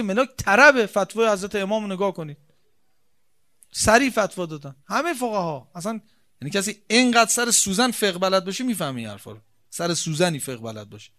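A male preacher with a high, bright voice delivers a religious sermon. He leans hard on repetition and rhetorical questions, and his volume swings from hushed asides to forceful stresses. His delivery stays emphatic and insistent throughout. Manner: emphatic, repeats key phrases, rhetorical questions.

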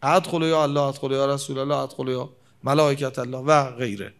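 A man preaching a religious sermon from the pulpit. He slows right down to quote scripture and swings between raised and hushed delivery. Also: medium pitch, fairly even intonation.

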